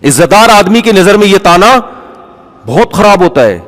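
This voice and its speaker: This man, an Islamic preacher, acts out the characters in his stories with lively animation during a conversational sermon. His pitch sits slightly high for a male voice, and a big hall gives it a long, ringing reverb.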